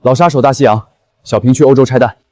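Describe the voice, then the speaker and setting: A man's voice: medium pitch, quick pace, a little mellow, lightly acted. An actor playing a resolute, intense young man who leads an ocean team by intuition, in a screen drama. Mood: commanding.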